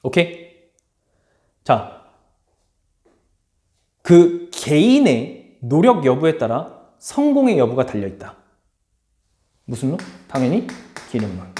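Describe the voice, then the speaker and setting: A man's voice: a little high, mellow, reverberant. A man teaching a social studies lecture, acting out each viewpoint in playful voices. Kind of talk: online lecture.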